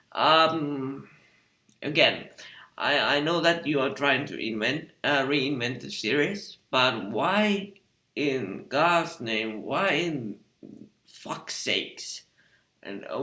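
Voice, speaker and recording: A man giving an exasperated review monologue, halting often with fillers and restarts. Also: medium pitch, sharp tone, reverberant. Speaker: video reviewer.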